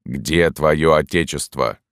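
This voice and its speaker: A man's voice: a bass voice, takes it slowly, fairly bright tone, no room sound, clean studio sound, exaggerated voice. A man reading an audiobook plays a stern, bearded army sergeant who asks curt, demanding questions. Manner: gruff, interrogating, curt. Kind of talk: audiobook narration.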